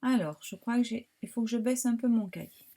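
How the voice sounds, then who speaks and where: A woman teacher with a French accent giving a slow, careful dictation lesson to young pupils, spelling words out. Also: fairly high pitch, warm tone. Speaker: primary school teacher.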